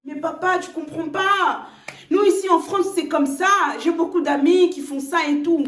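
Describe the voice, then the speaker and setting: A woman's voice: very high-pitched, steady tone, normal speed. A woman playing a smug two-timing young fiancé. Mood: defiant. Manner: dismissive, self-justifying. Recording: roomy echo.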